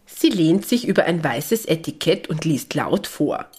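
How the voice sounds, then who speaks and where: A woman reading a children's story aloud as host, with a gentle, clear, animated delivery. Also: sits low, unhurried.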